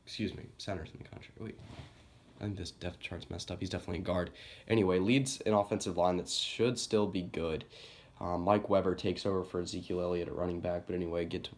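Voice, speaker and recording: A young man who is sick, giving a casual, rambling college football team preview on his channel and correcting himself as he goes. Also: sits low. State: sick, coughing. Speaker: sports YouTuber.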